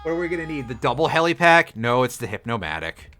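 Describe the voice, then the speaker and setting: A man's voice: medium pitch, big pitch swings, fast, pushed and bright, soft background music. A man giving casual live gameplay commentary as a streamer, with sardonic, sweary grumbling. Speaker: video game streamer.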